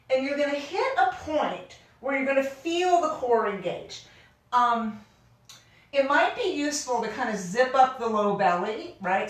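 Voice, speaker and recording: A woman instructing a yoga class in a careful, unhurried way, gently cueing each step with informal encouragement. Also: fairly high pitch. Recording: very echoey room, distant microphone.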